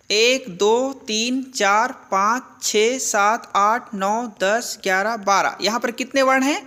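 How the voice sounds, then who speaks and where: A woman's voice: on the high side, sharp tone. A woman teaching a grammar lesson, who asks questions and answers them herself and repeats the key terms. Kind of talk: classroom-style lesson.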